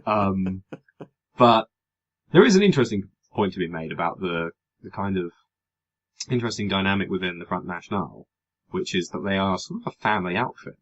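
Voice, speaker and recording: Deep-voiced wry podcast host. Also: male voice, expressive, fairly quick, highs cut off. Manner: wry, rambling, with hesitant fillers. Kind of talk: casual political chat.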